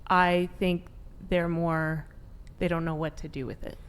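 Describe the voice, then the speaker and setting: A woman's voice: lowish voice, level tone, measured pace, clear, resonant tone. Chatty woman from Eastern Europe. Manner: chatty, laughs easily, lots of fillers. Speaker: guest. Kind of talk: casual panel chat.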